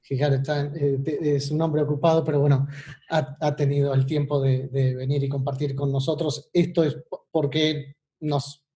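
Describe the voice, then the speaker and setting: Male presenter, soft-toned and a touch high, explanatory, informal online talk with frequent check-ins. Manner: explanatory, often checks in with short tag questions. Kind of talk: informal online lecture mixing in English terms. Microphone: video call.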